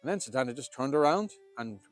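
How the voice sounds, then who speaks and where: A man's voice: mid-range voice, expressive, fast. An Irish man tells an old legend in a lilting storyteller's manner. His delivery is dramatic and spoken as oral tale-telling. Instrumental music plays faintly behind him. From Ireland.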